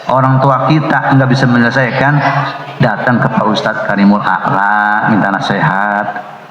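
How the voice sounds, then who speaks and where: A man's voice: on the low side, little pitch movement, moderate pace. A middle-aged man preaching a Ramadan dawn sermon, joking and acting out little dialogues. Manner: joking, storytelling, acts out dialogue. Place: mosque hall. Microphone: recorded off a loudspeaker upstairs. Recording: muffled echoey loudspeaker recording. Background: children's noise.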